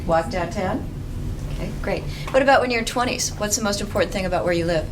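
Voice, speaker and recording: A woman in her fifties facilitating a group exercise, giving brisk directions and laughing easily. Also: mid-range voice. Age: 50s. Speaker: workshop facilitator. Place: indoor meeting room with a group. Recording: distant mic with background noise.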